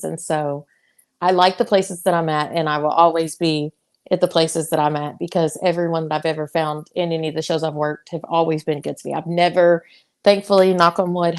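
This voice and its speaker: A woman's voice: sits low, a little mellow. A young woman with a Southern US accent, a wrestler chatting as a guest in a casual interview, laughing often and drawing out her words.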